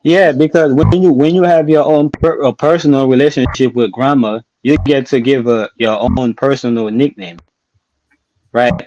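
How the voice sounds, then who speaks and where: A man's voice: medium pitch, fairly even intonation, moderate pace, dark tone, no echo. A man in a casual group discussion call, talking through a bluetooth headset mic with crackling sounds and often checking in with "right?". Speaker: participant in an online discussion call. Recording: muffled bluetooth mic with faint clicks.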